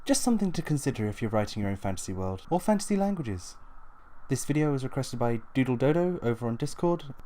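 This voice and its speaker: Fast and sing-song, this man's medium-pitched voice has a dark tone, with a little hiss or hum in the audio. He hosts a tabletop gaming explainer, reading loosely scripted notes in a plain, instructional manner.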